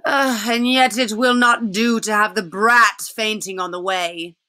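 A woman's voice: medium pitch, fairly even intonation, unhurried, bright, forceful tone, no echo. A woman reading aloud, voicing a cold, imperious witch queen who gives clipped, cruel orders in a raised voice. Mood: muttering.

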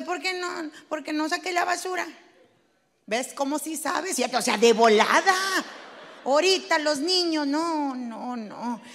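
Brash high-voiced Mexican woman comic. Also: a bit bright, long reverb tail. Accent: Mexican Spanish. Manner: brash, crude, acts out voices of her mother and kids. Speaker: stand-up comedian in character. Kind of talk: stand-up comedy storytelling.

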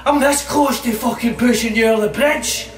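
High, raging wrestling promo. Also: male voice, moderate pace, far from the mic. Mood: anguished rage. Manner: strained, raging, sweary. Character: unhinged, betrayed male wrestler threatening revenge. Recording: echoey room, off the mic.

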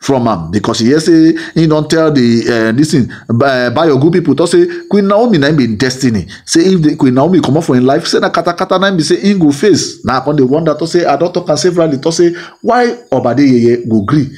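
Expressive, quick, and with few pauses, a middle-aged man's higher, darkish voice drives a rambling celebrity gossip monologue loaded with fillers and repeated phrases. The gossip channel host speaks with a Nigerian Pidgin accent, his first language being Igbo.

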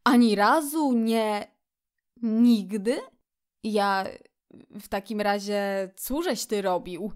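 A woman voicing a genial male water rat in a storybook reading, speaking in a grand, unhurried way and savoring each word. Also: medium pitch, natural voice. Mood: astonished. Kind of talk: audiobook character voice.

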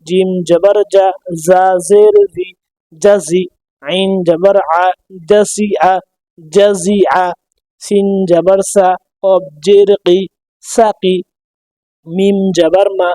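A man teaching Quran reading in Bengali, drilling letter sounds slowly and patiently so listeners can repeat after him. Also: sits high, fairly even intonation, dark tone, dry recording. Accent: Bangladeshi Bengali. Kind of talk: slow drilled recitation lesson.

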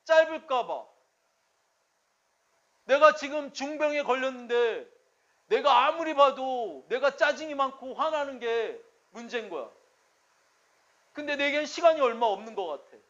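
A male pastor delivers a sermon in a strikingly high voice. His preaching is emphatic and conversational, with frequent rhetorical check-ins to the congregation. The recording sounds dull and lo-fi. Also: a bit bright.

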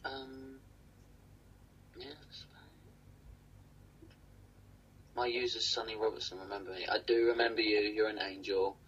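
A man's voice: fairly low pitch, steady tone, normal speed, pauses often, fairly bright tone, lo-fi sound, a little hiss or hum. A young man co-hosting a casual livestream from a small room, chatting and thanking viewers by name. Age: young adult. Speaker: livestream co-host. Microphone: webcam at desk.

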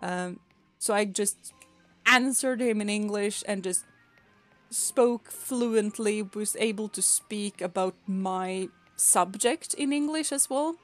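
A young woman from Sweden with a light Swedish accent speaks slowly in a mid-range voice, chatting casually with her chat over a game. A streamer and teacher, she laughs often and restarts her words, while soft background music plays.

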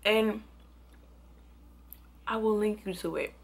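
A young woman reviewing products in a casual, excitable vlog, sometimes talking with food in her mouth. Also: mid-range voice, slow pace, gravelly, breathy edge. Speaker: beauty and product vlogger.

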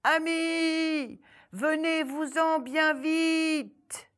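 A woman's voice: on the high side, unhurried, darkish tone, voice pushed up. A woman doing a bold little storybook girl. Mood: calling out. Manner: clear, proud and bold. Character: brave little girl, bright and defiant.

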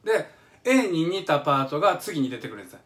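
A man's voice: on the high side, very animated, quick pace, a bit bright. Chatty middle-aged man with a Kansai accent. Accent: Kansai Japanese. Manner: eager, chatty explainer who hums examples and reads out viewer comments. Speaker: live-stream host. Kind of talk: casual live-stream talk explaining music. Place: home kitchen. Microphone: phone or webcam on a live stream.

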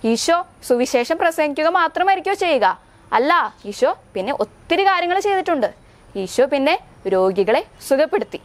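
A young woman from Kerala teaching a Sunday school catechism lesson to small children, telling stories and asking them frequent questions. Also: high-pitched. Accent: Kerala Malayalam. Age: young adult. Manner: asks children frequent questions, slow prayerful recitation.

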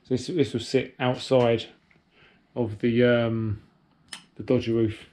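Talking to his action camera, a man in his forties describes his boat work casually, filling pauses as he thinks aloud, moving from a hull on the water to a workshop. He speaks slowly and flatly in a mid-range, slightly mellow voice, with faint outdoor noise behind him.

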